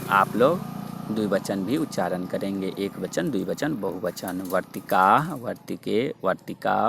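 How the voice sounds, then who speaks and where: A man's voice: low voice, slight background noise. A male teacher explaining grammar and reciting word forms for students to repeat. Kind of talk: Sanskrit grammar lesson with drills.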